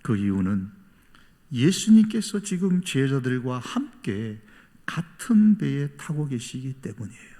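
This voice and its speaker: A male pastor preaching a sermon, swinging between loud exhortation and hushed whispers. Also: mid-range voice, very animated, unhurried. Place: church sanctuary. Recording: long reverb of a church hall.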